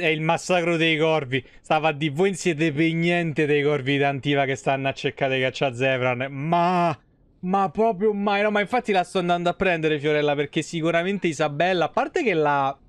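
Speaking in a clear, resonant voice on the high side, a male streamer keeps up a colloquial, profane running chat with viewers during gameplay. The setting is a small room in his home.

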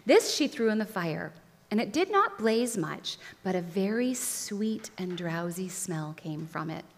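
A woman's voice: mid-range voice, very animated, a little slow. A woman reading a novel aloud expressively, recorded in a reverberant hall. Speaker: reader.

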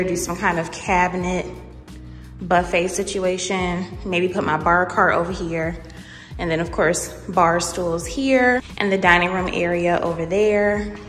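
A young woman vlogging casually, chatting straight to her viewers as she shows them around an empty apartment on a handheld phone. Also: mid-range voice. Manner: animated, talks straight to viewers with lots of "y'all" and "honey". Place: empty apartment, kitchen and bare rooms. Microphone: phone camera, handheld while walking. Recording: echoey empty room with long reverb.

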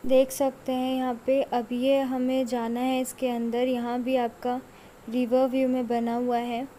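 A woman's voice: high voice, completely flat delivery, a little slow, mellow, slight background noise, low-quality recording. A young woman vlogger giving a casual walking tour of a large indoor mall, filming on a handheld phone and pointing things out again and again.

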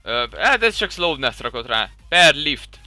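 A young man giving casual, excitable commentary while playing a game, breaking into loud swearing exclamations. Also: a little high, no echo, soft background music. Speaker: Minecraft server streamer.

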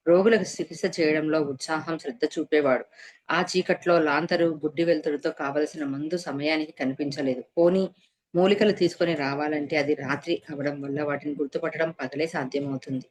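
Woman calmly reading a devotional story. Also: low voice. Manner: steady, measured storytelling read from a text. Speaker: reader of a devotional serial. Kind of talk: scripted narration.

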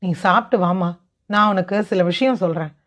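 A woman voicing a kind, patient older father-in-law who explains things gently and at length. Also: medium pitch, moderate pace, close to an everyday voice. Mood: gentle.

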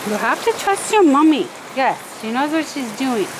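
A woman's voice: high voice, very animated, normal speed. Woman coaxing her dog on a hike. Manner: coaxing, sing-song baby talk to a dog. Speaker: vlogger talking to her dog. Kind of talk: casual talk to a pet while hiking. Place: outdoors on a forest trail by a stream. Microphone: handheld camera. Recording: outdoor camera with loud stream noise.

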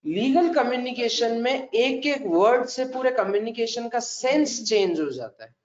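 A man with an Indian accent teaches an interactive classroom lecture in a very high voice with lively intonation and a measured pace, mixing Hindi and English, joking, and quizzing students by name. The conference recording sounds dull and echoey.

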